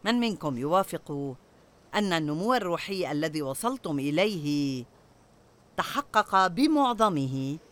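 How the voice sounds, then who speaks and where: A woman's voice: deep voice, big pitch swings, moderate pace. An older woman preaching a sermon, putting rhetorical questions to her listeners. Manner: asks the audience rhetorical questions.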